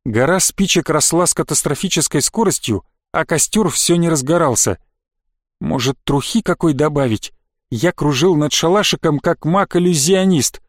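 A man reading an audiobook story in the first person, with a lively, wry delivery. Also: on the high side, normal speed, no room sound, studio quality. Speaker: audiobook narrator.

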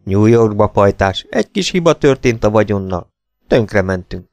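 A man's voice: lowish voice, lively intonation, vocal fry, a little mellow, dry recording. A man reading an earnest young friend. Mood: frank. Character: young man, old friend, bearer of bad news. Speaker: character in audiobook. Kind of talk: audiobook character reading.

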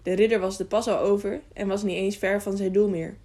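A woman's voice: medium pitch, a little fast, close to an everyday voice. A woman voicing an eager, curious young mountain boy who asks question after question in a storybook reading. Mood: chatty. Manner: lively, eager, sometimes whispering excitedly.

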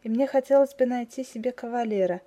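Cheerful young runner girl, polite and lively, warm higher voice, read by a woman. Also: fast, lightly acted.

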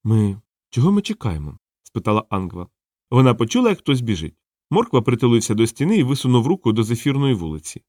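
A man reading a novel aloud in a lively, conversational storytelling manner. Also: medium pitch, quick pace, no room sound, clean studio sound. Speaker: audiobook narrator. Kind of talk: storytelling narration.

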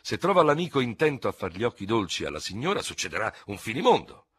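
A man's voice: on the low side, very animated, fast talker, a bit bright, slightly rough, no room sound, pitched above the performer's own voice, exaggerated voice. A man reading an audiobook and voicing a brash, swaggering young hussar lieutenant with an ironic, blustering manner.

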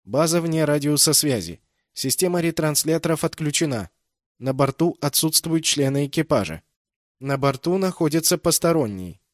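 A man's voice: a little high, animated, normal speed, no room sound, clean studio sound, pitched above the performer's own voice, natural voice. A man voicing a terse, touchy female ship computer in an audiobook, with formal, clipped announcements. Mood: official. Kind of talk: audiobook character voice.

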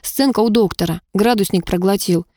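A woman reading the lines of a gruff, heavyset middle-aged male police colonel who hisses and grumbles insistently. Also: medium pitch, moderate pace, mellow, no echo, studio quality, lightly acted. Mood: grumbling.

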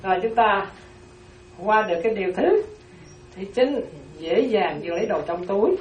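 A woman's voice: mid-range voice, expressive, moderate pace, lo-fi sound, slight background noise. A Buddhist nun giving a dharma talk, repeating key phrases and often asking whether her listeners follow. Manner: keeps checking listeners follow with repeated questions. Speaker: Buddhist nun teaching a class. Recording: roomy, distant mic.

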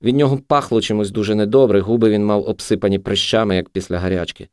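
A man narrating a novel aloud in an expressive, animated reading. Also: lowish voice, quick pace, clean tone, no room sound, studio quality.

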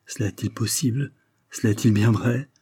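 A man's voice: fairly low pitch, steady tone, normal speed, warm tone, breathy edge, dry recording. A man reading the part of a dying young man, weak and mournful. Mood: tender.

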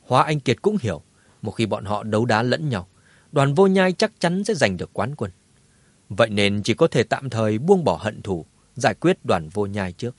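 A man's voice: mid-range voice, normal speed, dry recording. Dramatic male audiobook narrator. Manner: dramatic, lively telling.

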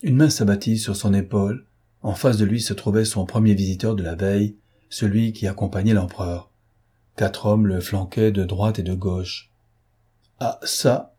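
A man narrating a novel as an audiobook, in steady, measured storytelling. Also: lowish voice, slightly rough.

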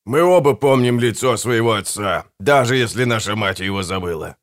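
A man's voice: fairly low pitch, expressive, normal speed, close to an everyday voice. A man voicing a greedy, quarrelsome bandit brother who snaps and swears. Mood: sneering.

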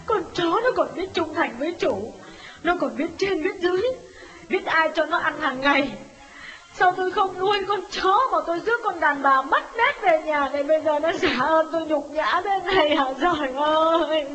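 A woman's voice: very high voice, animated, moderate pace, a bit bright, lo-fi sound. Woman voicing a furious betrayed village wife. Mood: wailing. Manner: screaming insults and wailing in tears. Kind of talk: audiobook drama voice.

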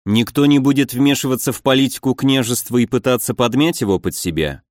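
A man voicing a scheming, stern older boyar in an audiobook, with a low gruff voice. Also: fairly quick, a little mellow, no room sound, studio quality, natural voice.

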